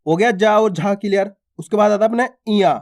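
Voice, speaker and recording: Man slowly sounding out letters. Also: sits high, darkish tone. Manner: slow, drawn-out pronunciation of each letter, then example words; addresses listeners as friends and asks if they follow. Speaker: Hindi reading teacher. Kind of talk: alphabet lesson.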